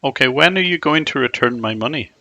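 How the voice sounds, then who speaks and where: A man's voice: mid-range voice, lively intonation, fast talker, sharp tone. A man talking through a voice changer so that he passes as a woman, stammering and pleading as a scam baiter on a phone call. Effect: voice changer making him sound like a woman. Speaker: scam baiter posing as a victim.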